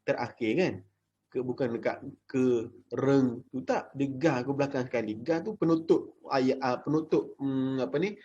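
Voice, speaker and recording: Teaching kids Jawi in a relaxed way, a young Malaysian Malay-accented man chats, uses many fillers, and sounds out each syllable slowly. His mid-range voice is darkish and slightly rough, and the recording's highs are cut off.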